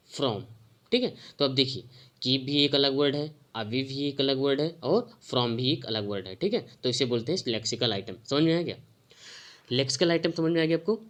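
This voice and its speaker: A man's voice: medium pitch, fairly bright tone. Man teaching an exam-prep lesson. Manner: explains in Hindi with English terms, keeps checking with "ठीक है"; reads options slowly.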